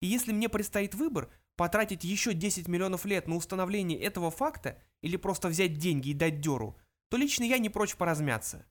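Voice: mid-range voice, voice pushed up, lightly acted. Frankie, a reader voicing a pompous little lab mouse. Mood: lecturing. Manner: brisk, lecturing, cynical. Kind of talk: audiobook character reading.

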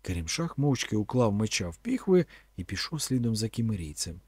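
A man narrating an adventure story as an audiobook reader, in an expressive storytelling manner. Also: fairly low pitch, fairly quick, breathy edge, no echo. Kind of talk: scripted narration.

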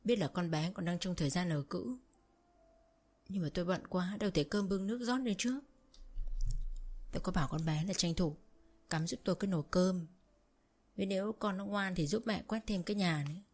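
A self-pitying older mother-in-law who wails and dramatizes every complaint, voiced by a woman narrator. She sounds loud and theatrical, full of put-on grief. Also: fairly low pitch, fairly quick, pauses often. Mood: wailing. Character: weepy manipulative rural older mother-in-law.

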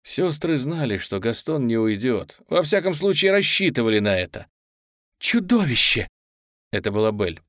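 Выразительный мужской голос чтеца аудиокниги, неторопливо разворачивающий сказочный сюжет. Звук близкий, сухой, студийный. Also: male voice, medium pitch, sing-song, normal speed, hardly any pauses, no echo, studio quality. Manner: выразительное, театральное повествование. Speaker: чтец аудиокниги. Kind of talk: художественное чтение сказки.

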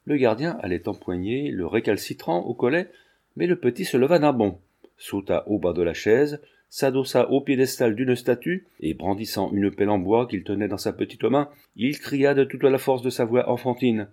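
Mellow male audiobook narrator. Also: medium pitch, animated, normal speed.

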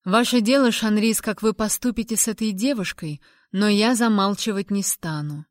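A woman performs the part of a stern male nobleman, delivering his lines firmly and curtly. Her own voice is medium-pitched and close to everyday speech, at a moderate pace. The recording is studio quality with no echo.

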